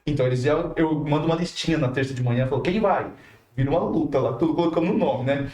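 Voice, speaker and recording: A man's voice: a little high, quick pace, roomy sound, far from the mic. A man with a Brazilian Portuguese accent, telling stories in a casual studio chat and acting out the people he quotes. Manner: animated storyteller, acts out quoted dialogue. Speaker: music teacher and guest.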